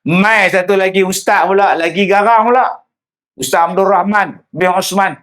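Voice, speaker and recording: Male preacher, high voice, humorous storytelling sermon. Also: normal speed. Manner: lively storytelling with humor, addresses the audience directly. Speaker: religious preacher. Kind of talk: public sermon.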